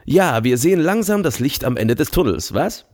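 A man voicing a pompous, credulous middle-aged general in an audiobook, speaking in a slow, self-important way. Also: on the high side, very animated, a little mellow, voice pushed up. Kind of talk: audiobook character voice.

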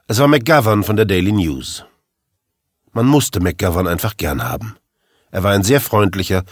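A man's voice: sits low, no room sound. A man narrating a first-person crime story as an audiobook in a dry, wry way.

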